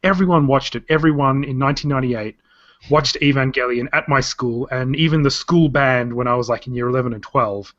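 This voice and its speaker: An Australian man in his thirties co-hosts a podcast, chatting casually in a mid-range, fairly bright voice at a slightly quick pace. He rambles and often restarts his sentences. The podcast audio is dull and lo-fi.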